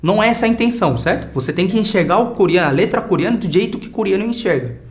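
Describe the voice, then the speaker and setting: A man teaching a casual online language lesson, chatty and lively, drilling sounds for learners to repeat. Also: sits high, racing.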